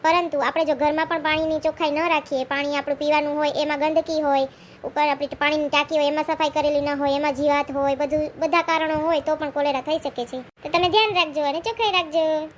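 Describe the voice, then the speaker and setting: A woman playing chatty, high-voiced village woman Kagdi. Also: fairly even intonation, quick pace, a little hiss or hum. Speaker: comic lead and narrator. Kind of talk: village comedy skit.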